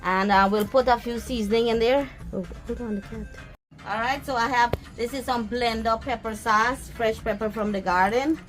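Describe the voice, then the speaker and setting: A Guyanese woman with a Guyanese accent shows off a recipe outdoors in her backyard, casually chatting with her viewers and her pets. Her voice sits on the higher side and moves at a normal pace, with faint music in the background. She's a cooking vlogger with a chatty manner.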